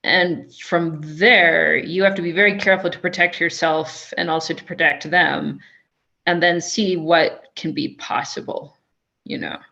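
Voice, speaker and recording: A woman's voice: on the low side, steady tone, a little slow, vocal fry, pushed and bright, muffled recording. A woman who is an investigative journalist, speaking thoughtfully in a webinar, with frequent restarts and fillers. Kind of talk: webinar talk.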